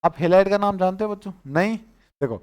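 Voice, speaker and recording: A man with a Rajasthani Hindi accent gives a chemistry lesson in a smooth, resonant voice that sits a little high for a man. He drills his students, saying each name and asking them back again. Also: fairly quick, darkish tone. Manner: repeats each term and quizzes the students on it. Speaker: teacher. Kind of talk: chemistry class lecture.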